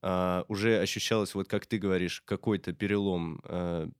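A man, a reporter, recounting events in casual talk, halting with frequent filler sounds. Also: sits low, steady tone, smooth, no room sound, clean studio sound. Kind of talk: casual spoken recollection.

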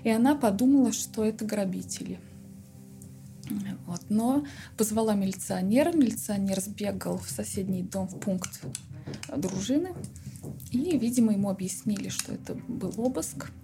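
A woman's voice: mid-range voice, normal speed, over music. A woman in an interview, telling a story in a conversational way. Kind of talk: interview explanation.

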